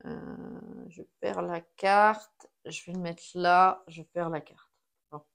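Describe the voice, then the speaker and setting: A woman's voice: fairly low pitch, takes it slowly, gravelly, a bit bright. A woman talking herself through a solo board game, placing cards and counting pieces aloud in a casual running commentary.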